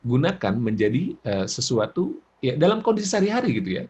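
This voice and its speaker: A man giving an expressive parenting lecture, laughing often and acting out examples. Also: mid-range voice, quick pace, husky. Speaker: parenting speaker.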